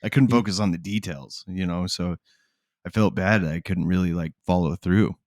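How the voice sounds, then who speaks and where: A man's voice: low voice, moderate pace, dry recording, clean studio sound. A man co-hosting a podcast, chatting casually and retelling stories with slang, swearing and quoted back-and-forth dialogue. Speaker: podcast co-host. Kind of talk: casual chat, storytelling.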